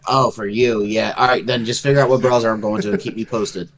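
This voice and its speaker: A young man co-hosting a casual gaming talk show over an online voice call, loud and joking with crude banter. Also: lowish voice, fairly even intonation, fast talker, slight background noise, rough recording. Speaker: podcast co-host.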